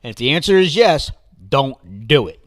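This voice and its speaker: A man's voice: medium pitch, very animated, moderate pace, no room sound, studio quality. A middle-aged man, the host's father, joking playfully through family stories in a casual chat.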